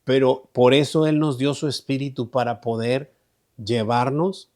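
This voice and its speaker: A man's voice: medium pitch, fairly even intonation, a little slow, darkish tone. A man teaching an online Bible study in a conversational way. He often repeats himself and checks in with "¿verdad?". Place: online group meeting.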